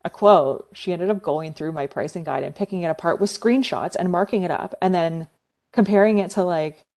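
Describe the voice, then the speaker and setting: A young woman chatting casually as a podcast guest, talking quickly with lots of "like" and laughing often. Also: lowish voice, a little mellow. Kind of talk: casual chat.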